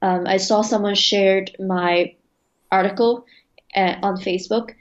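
A young woman from Hong Kong, a student, speaks in casual interview answers full of fillers and self-corrections. Her voice is mid-pitched for a woman. The sound comes through a dull, lo-fi video call line. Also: fairly even intonation, measured pace. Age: young adult. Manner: hesitant, many fillers and restarts.

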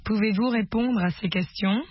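Calm woman narrating a language lesson. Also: mid-range voice, a little fast, husky, dry recording. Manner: calm, instructive prompts. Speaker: course narrator. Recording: muffled lo-fi recording over soft guitar.

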